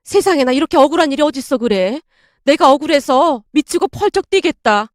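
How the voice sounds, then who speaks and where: A woman's voice: high voice, lively intonation, moderate pace, no echo, clean studio sound. A woman voicing an elderly widowed grandmother who speaks with indignant, old-fashioned phrasing. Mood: aggrieved.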